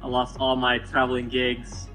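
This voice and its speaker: A man's voice: mid-range voice, completely flat delivery, normal speed, pushed and bright, faint music behind, rough recording. A man who films weddings and travels for work, speaking frankly. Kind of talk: casual testimonial.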